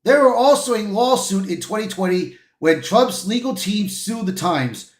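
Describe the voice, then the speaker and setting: Here a livestream host with a high-pitched, expressive voice reads articles at a moderate pace in a reverberant room. He's informal and opinionated, stumbles on a word here and there, and keeps saying "bro," "man," and "dude."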